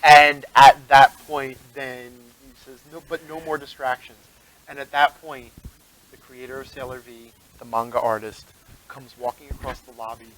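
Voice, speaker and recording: A man narrating as game master of a tabletop role-playing game, playful and quick to laugh. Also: mid-range voice, steady tone, fairly bright tone, rough recording.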